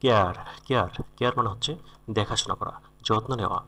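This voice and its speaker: A man's voice: on the low side, fast, pushed and bright. A man teaching English vocabulary, repeating each word and its meaning and correcting pronunciation. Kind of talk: vocabulary lesson.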